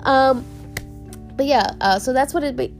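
Hosting her own podcast, a woman chats in a casual, bubbly way and laughs a lot, though a cold leaves her congested and nasal. Her voice is high, creaky and unhurried, with faint music playing in the background.

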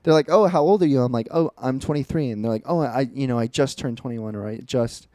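A twentysomething podcast co-host chats casually, speaking fast at a medium pitch as he earnestly reflects on his thoughts. His voice is smooth and dark, recorded dry with no room echo.

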